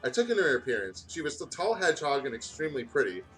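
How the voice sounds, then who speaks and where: With a fairly high, fairly bright voice and big pitch swings, a man reads fan fiction aloud fast, stumbling and stopping to comment. He's a gaming video host; the audio is poor and music plays behind him.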